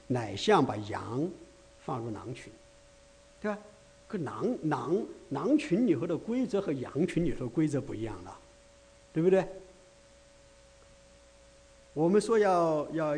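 Male preacher, fairly high and warm voice, chatty sermon with frequent rhetorical check-ins. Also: very animated, unhurried, pauses often. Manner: chatty, many rhetorical asides and restarts. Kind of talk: conversational sermon.

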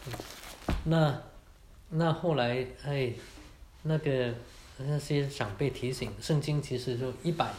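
A man's voice: mid-range voice, slow, long pauses, darkish tone, slight background noise. Man teaching a church class, echoey room. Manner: informal, adds particles like 哈 and 啊, mixes in English words.

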